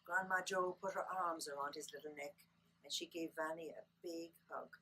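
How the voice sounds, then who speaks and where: A woman's voice: low-pitched, fairly even intonation, bright, forceful tone, slight background noise, poor audio. An Irish woman telling stories to children in a lilting, dramatic read-aloud manner, drawing out words for effect. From Ireland. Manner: lilting, dramatic storytelling delivery with drawn-out words. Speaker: storyteller.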